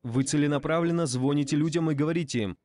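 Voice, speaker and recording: Man dubbing a sermon, fairly high voice. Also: fast talker, darkish tone. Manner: repetitive, rhetorical questions to the audience. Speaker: voice-over translator of a preacher. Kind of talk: dubbed sermon.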